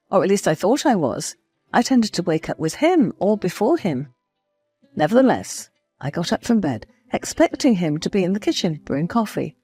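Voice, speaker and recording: Woman narrator, confiding story reading, animated, low-pitched. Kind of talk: first-person story narration.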